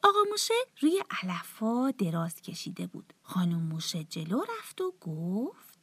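A woman telling a bedtime story to children in a soft, often half-whispered, tender voice. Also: lowish voice, very animated, husky, no echo.

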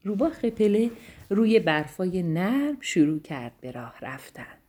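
Gentle woman telling a bedtime story. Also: fairly low pitch, sing-song. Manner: gentle and affectionate, addresses children tenderly. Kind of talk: children's bedtime story narration.

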